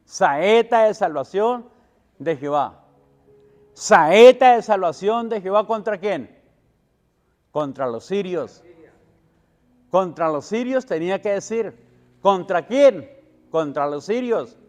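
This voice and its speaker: High-voiced preaching pastor in a reverberant hall. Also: male voice, expressive, slow, long pauses, darkish tone. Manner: preaching with call-and-response questions and swells in volume. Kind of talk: sermon.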